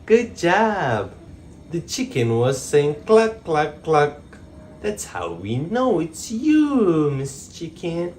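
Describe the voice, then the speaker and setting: Toddler-video presenter, woman: coaxing, drawn-out delivery, pitch swinging widely. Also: slight background noise. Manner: slow, exaggerated, coaxing speech for toddlers. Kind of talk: teaching toddlers.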